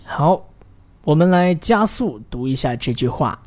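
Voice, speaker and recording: A man's voice: on the high side, lively intonation. Encouraging male English teacher. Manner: models phrases slowly, then pauses for the listener to repeat; encouraging, praises the learner often. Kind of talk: English pronunciation drill lesson.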